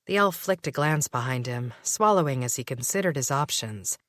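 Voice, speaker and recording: A woman narrating a first-person audiobook in a wry, expressive storytelling manner. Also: extremely low pitch, normal speed, no room sound, clean studio sound.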